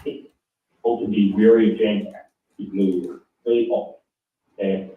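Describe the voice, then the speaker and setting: Man reading a letter over a choppy, breaking-up call, low voice, thin phone-line sound from far off. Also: steady tone, measured pace. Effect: choppy call audio that breaks up. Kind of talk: reading a prepared letter aloud. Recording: tinny, echoey call audio from far off.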